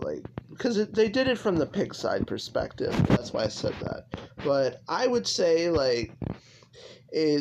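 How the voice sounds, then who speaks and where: A man's voice: mid-range voice, background noise. A young man giving casual, rambling commentary over gameplay as a YouTuber, full of fillers and restarts. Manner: rambling, lots of likes and restarts. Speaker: gaming YouTuber.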